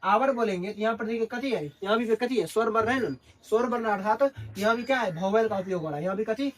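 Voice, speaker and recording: Speaking quickly in a high voice, a male tutor leads a Hindi classroom lesson on English grammar. He keeps asking his own questions and answering them, call-and-response style.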